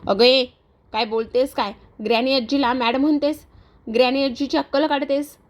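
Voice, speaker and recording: A woman's voice: sits high, fairly even intonation, moderate pace, lightly acted. A woman voicing an older grandmother who scolds and then coaxes, in a retold TV serial. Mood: scolding.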